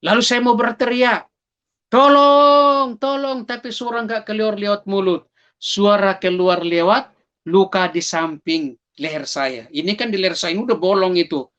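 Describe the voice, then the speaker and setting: A man's voice: sits high, moderate pace, fairly bright tone, dull audio. A man sharing a personal testimony in a vivid storytelling manner. He speaks straight to his listeners as brothers and sisters and acts out his own cries for help.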